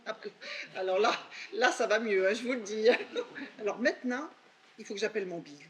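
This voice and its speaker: A woman acting an excitable young daughter in a stage comedy, theatrical and gushing. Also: medium pitch, a little fast, roomy sound, background noise, natural voice. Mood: overwrought. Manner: theatrical, exclaiming, gushing on the phone. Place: theatre stage before an audience.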